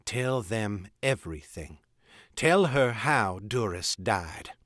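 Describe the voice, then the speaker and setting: A man's voice: fairly low pitch, animated, slow, fairly bright tone, no echo, studio quality. A man reading aloud and voicing a fierce young woman warrior, stern and commanding.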